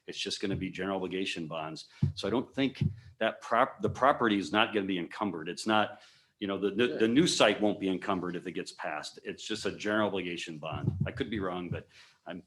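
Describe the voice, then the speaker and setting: A man with a very deep voice explains a point to a public meeting, measured and hedging as he thinks aloud. He restarts phrases now and then but stays calm.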